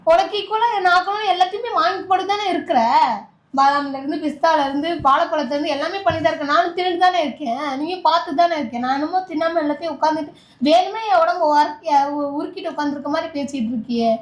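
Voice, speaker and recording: Young Tamil-accented woman, high-pitched, pleading through tears, recorded in an echoey room. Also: quick pace. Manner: pleading, emotional and insistent. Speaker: YouTube couple vlogger. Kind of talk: emotional prank argument.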